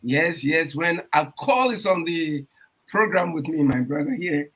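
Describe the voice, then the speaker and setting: A man hosting an online radio talk show, speaking emphatically with repeated phrases and bursts of loud enthusiasm. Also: on the high side, animated, a little slow, slightly rough. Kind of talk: energetic radio show intro and interview. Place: Toronto.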